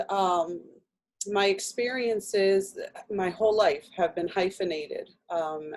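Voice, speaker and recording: A woman from New Jersey, Spanish her first language, speaking on a panel with many pauses. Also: on the low side, gravelly, a little mellow. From New Jersey, United States. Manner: measured, many pauses and fillers. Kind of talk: panel discussion.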